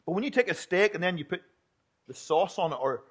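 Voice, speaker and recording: A male preacher with a Northern Irish accent gives a sermon in a notably high voice. His delivery is earnest and plain-spoken, turning now and then to rhetorical questions. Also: lively intonation, fairly quick, fairly bright tone, husky.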